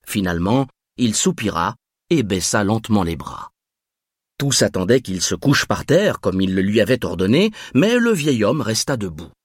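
A man reading a thriller aloud as narrator, with measured, expressive storytelling. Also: fairly low pitch, breathy edge, no echo, studio quality.

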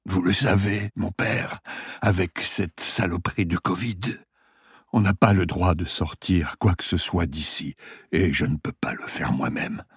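A frail, dying old man, put on by a male narrator talks low and hushed, his breath thin and husky. It is a storybook voice, haunted and begging. Each line sounds dry and close. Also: a little slow, no room sound, full character voice. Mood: pleading. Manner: weak, hushed, breathy delivery.

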